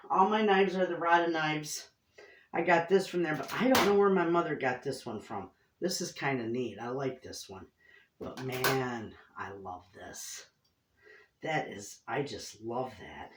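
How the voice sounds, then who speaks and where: A woman's voice: sits low, a little hiss or hum. Folksy Michigan woman in an echoey room. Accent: Inland Northern American (Michigan). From Michigan, United States. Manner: folksy, effusive, repeats herself. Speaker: homestead cooking vlogger. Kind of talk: casual chat to camera. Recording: roomy echo, distant microphone.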